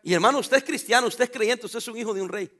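Man, pastor, sermon, emphatic, bright sharp tone. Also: very high-pitched, fast talker. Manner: emphatic preaching, rhetorical questions to the congregation.

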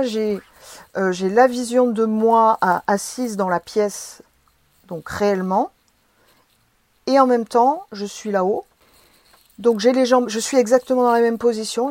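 A woman's voice: on the high side, a little mellow, no echo. Woman emotionally retelling a personal experience. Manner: vivid, emotional retelling with hesitations.

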